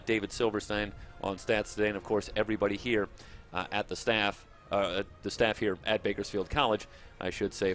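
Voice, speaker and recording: A man hosting a live sports broadcast, ad-libbing his sign-off in a halting way. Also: lowish voice, a bit bright. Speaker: play-by-play broadcast host.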